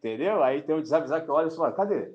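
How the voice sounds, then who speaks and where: A man's voice: a little high, racing, dull audio. A man preaching a sermon as a pastor, with a Brazilian Portuguese accent, talking colloquially, often asking "entendeu?" and mimicking voices as he tells stories. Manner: animated storytelling with mimicked voices.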